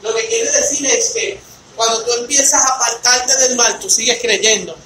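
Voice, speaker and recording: High, bright-voiced man teaching scripture. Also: moderate pace, a little hiss or hum, low-quality recording. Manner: reads scripture aloud, then explains it with rhetorical questions; addresses listeners by name in a conversational way. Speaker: Bible study teacher. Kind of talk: teaching a Bible study.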